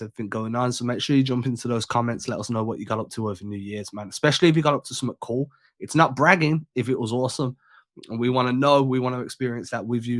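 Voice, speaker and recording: A man's voice: mid-range voice, no echo, studio quality. A man hosting a casual sports podcast, sick and congested, talking in a laid-back, slangy way. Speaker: podcast host.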